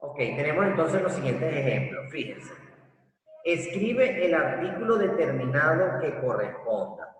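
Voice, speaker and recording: A man teaching a recorded grammar lesson, explaining slowly and deliberately and asking rhetorical questions. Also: fairly high pitch, very animated. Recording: echoey room from far off.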